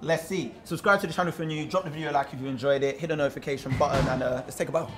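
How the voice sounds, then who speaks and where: A young man co-hosting a casual football chat, excitable and full of playful banter. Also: a little high, racing, music in the background. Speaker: co-host.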